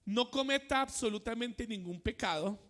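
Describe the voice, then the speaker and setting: A man preaching a sermon, repeating phrases, pausing on fillers and asking the congregation "cierto?". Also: very high-pitched, fairly bright tone. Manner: many fillers, repeats phrases, asks the church questions.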